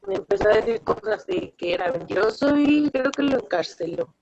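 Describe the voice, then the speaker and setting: A woman's voice: on the high side, expressive, fairly quick, lo-fi sound. A woman student hesitantly retelling a story in class. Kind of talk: classroom answer.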